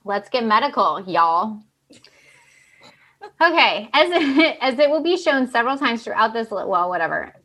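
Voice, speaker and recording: Higher-voiced woman podcast host reading stories. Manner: animated, reads stories with a chatty aside. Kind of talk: casual chat and reading stories aloud.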